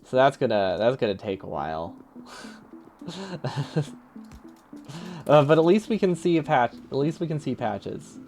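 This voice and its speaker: A man's voice: medium pitch, big pitch swings, unhurried, pauses often, darkish tone, soft background music. A man streaming a video game live, thinking aloud, chuckling often and answering his chat in a casual, easily amused way.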